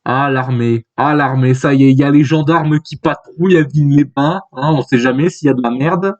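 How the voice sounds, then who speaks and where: A YouTuber, a young man with a brisk, mid-range, darkish voice, reads a manga aloud while giving a rambling, joking commentary full of fillers and restarts. The recording sounds dull and lo-fi.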